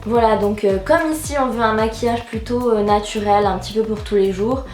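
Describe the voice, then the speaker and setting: A woman's voice: on the high side, fairly quick. A young woman giving a casual makeup tutorial as a beauty vlogger, chatty and full of fillers like "euh" and "donc voilà". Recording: roomy voice with loud background music. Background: background music.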